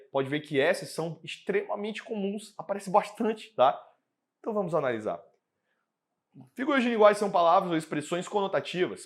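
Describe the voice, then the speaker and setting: A young man with a Brazilian accent teaching an exam prep lesson, lively and chatty, asking his class questions. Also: on the high side. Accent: Brazilian Portuguese.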